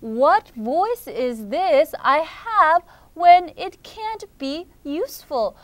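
Little rooster, sorrowful and timid, read by a woman; high, dry voice. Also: expressive, no echo, heavily acted. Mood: sad. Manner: slow, deliberately paced reading. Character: shy, tearful young male rooster.

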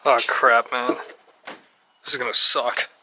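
A man's voice: mid-range voice, flat delivery, measured pace, sharp tone, breathy edge. A young man chatting casually in laid-back bro slang. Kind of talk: casual chat.

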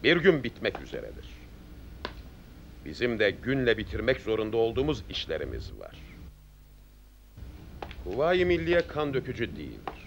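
Stern army captain, animated delivery. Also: male voice, mid-range voice, vocal fry, slight background noise. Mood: solemn, resolute. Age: middle-aged. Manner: oratorical, measured, authoritative, in short emphatic sentences. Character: stern, resolute nationalist army captain addressing townsmen. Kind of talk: period film drama acting.

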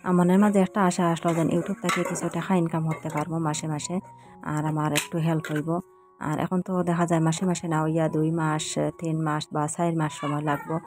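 Woman, Sylheti accent, thirties, earnest pleading vlog chat, quick, low voice. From Sylhet region, Bangladesh. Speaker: village lifestyle vlogger.

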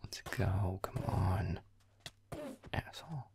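In an intimate roleplay audio, a man plays a grumpy, foul-mouthed young werewolf boyfriend in a full character voice, deep and slow. He mutters irritably in a breathy, gravelly whisper, sullen, sarcastic, and swearing.

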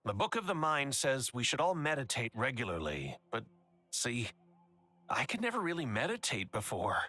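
An earnest, good-hearted middle-aged baker from a cozy video game,. His lines are heartfelt, and his pitch rises and falls a great deal. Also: very animated, normal speed, pushed and bright. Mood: relieved.

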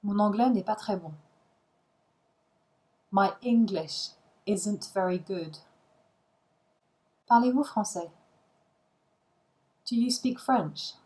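Woman, language teacher, reading phrase pairs one by one, very slow and measured, mid-pitched. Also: mellow, rough recording. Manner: short isolated phrases, each followed by its translation.

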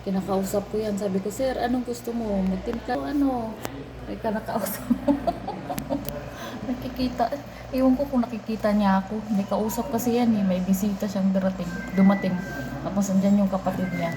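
A woman's voice: mid-range voice, steady tone, moderate pace. A woman vlogging in casual chat from her office, talking to herself and laughing often. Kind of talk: casual vlog talk. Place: office at work. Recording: echoey room with background noise.

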